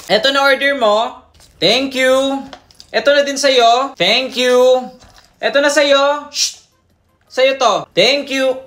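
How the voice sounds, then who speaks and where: A woman's voice: sits high, steady tone, slow, a bit bright. Chatty woman playing a drink seller. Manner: chatty, bossy, scolds the customers; half-sung catchphrase repeated over and over. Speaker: drink vendor in a role-play. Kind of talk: solo role-play of serving customers.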